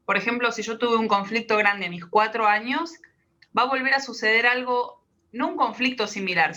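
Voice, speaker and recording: A woman, a practitioner calmly explaining her method step by step in an interview. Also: mid-range voice. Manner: calm, patient, explains step by step. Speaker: guest, biodecoding practitioner.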